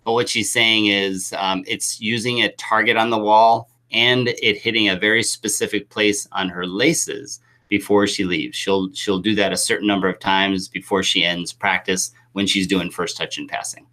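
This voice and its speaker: A man's voice: lowish voice, steady tone, normal speed, few pauses, sharp tone. A man coaching youth soccer, talking through a live chat Q&A with enthusiastic, rambling restarts.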